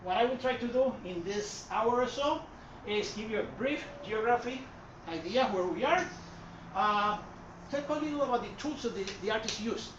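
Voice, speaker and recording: A man from Puerto Rico with a Puerto Rican Spanish accent presents on art history in a gallery hall at a moderate pace and middling pitch. He drifts through his sentences, restarts, and fills space with "uh" and "um." Recorded from far back in a reverberant room, the audio is dull and muffled, with constant hiss and murmur beneath it.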